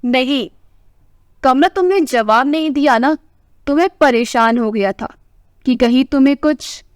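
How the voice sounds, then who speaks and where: A fond, teasing old husband in his sixties coaxing his wife in a storybook tale, as a woman reader puts him on. The voice sits high and reads smooth and clear. The recording is close and dry. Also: measured pace, dry recording. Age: 60s.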